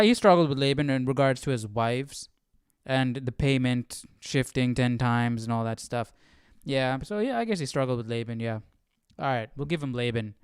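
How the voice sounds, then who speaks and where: Clear and resonant, this mid-range male voice belongs to the host of a laid-back Bible study livestream who questions things informally, thinks out loud, and mutters to himself. The recording is dry, with clean studio quality.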